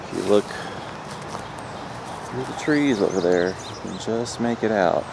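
An urban explorer vlogger with a Kentucky accent narrates his trek through overgrown fields in casual style, speaking slowly and hesitantly with fillers. His lowish voice sounds animated, and the handheld outdoor camera audio picks up clear background noise.

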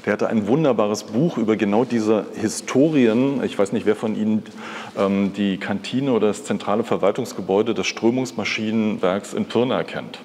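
Low-voiced and slightly mellow, an East German art patron in his fifties speaks at a normal speed as an interview guest. He tells reflective personal stories in a conversational way during a live talk. The recording is reverberant, taken in a large glass-fronted indoor hall.

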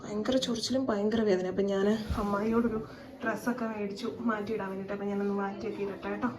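A woman's voice: mid-range voice, level tone, very fast, a crowd in the background. A woman, chatting to her viewers in a casual family vlog. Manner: chatty, addresses viewers, frequent "kettō" tags. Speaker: vlogger.

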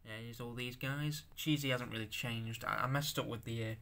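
A young man with a bright, forceful voice shows off his handmade figures in a loose show-and-tell. He stammers, restarts and swears as he goes, and he sounds unused to talking out loud. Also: medium pitch, steady tone. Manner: halting, stammering, swears, self-conscious. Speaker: stop-motion creator showing his figures.

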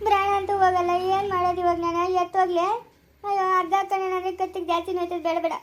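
A woman's voice: very high voice, little pitch movement, fast talker. A woman playing a distraught village wife in a family skit, speaking in a tearful, wailing voice with a rural Chikkaballapura Kannada accent. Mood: tearful, lamenting.

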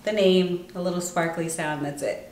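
A woman's voice: on the low side, steady tone, normal speed, darkish tone. A woman guest in a casual chat, teasing and enthusiastic with a bossy edge. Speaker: fellow YouTuber guest. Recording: echoey room.

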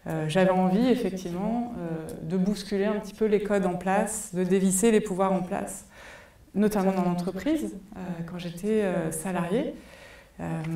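A woman's voice: mid-range voice, mellow. A woman in her forties giving a conference talk, thoughtful and full of hesitation fillers, on a headset mic in a large cinema hall. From France. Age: 40s. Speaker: conference speaker. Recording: echoey hall, voice from far off.

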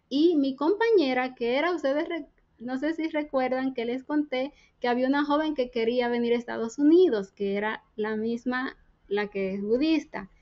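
A woman's voice: high-pitched, muffled recording. A woman from the Dominican Republic with a Dominican Spanish accent, earnestly telling her faith testimony as a guest and acting out the dialogue she recounts.

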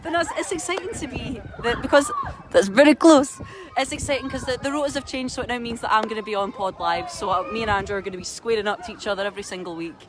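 A woman's voice: on the high side, quick pace. A woman co-hosting a live stream from a holiday park outdoors, bubbly and giggly as she banters with her co-host, recorded on a phone. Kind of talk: playful live stream chat.

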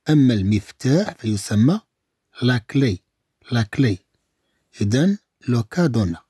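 A man with a Moroccan accent teaching French to beginners, repeating each word slowly, syllable by syllable. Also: medium pitch, mellow, breathy edge, no room sound, clean studio sound. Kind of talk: slow, syllable-by-syllable language lesson.

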